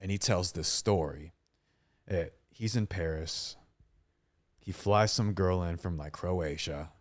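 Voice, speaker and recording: Very deep-voiced man telling a story. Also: slow pace. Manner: crude, animated retelling with frequent swearing. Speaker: podcast co-host. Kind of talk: casual chat, storytelling.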